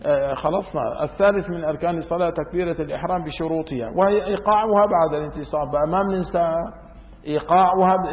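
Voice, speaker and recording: A man teaching a religious lesson, lively and demonstrative with wry asides. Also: fairly high pitch. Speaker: teacher of Islamic law. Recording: tinny phone-like sound in echoey hall.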